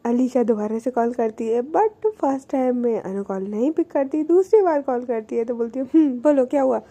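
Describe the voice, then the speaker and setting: Woman storyteller, high voice but mellow tone, chatty casual telling. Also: animated, normal speed. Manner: chatty, conversational asides.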